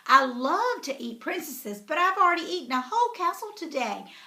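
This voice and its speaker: A woman voices a boastful, busy dragon in a haughty mood, using an exaggerated voice pitched above her own. It's high, with big pitch swings, a moderate pace, and a bright, forceful tone.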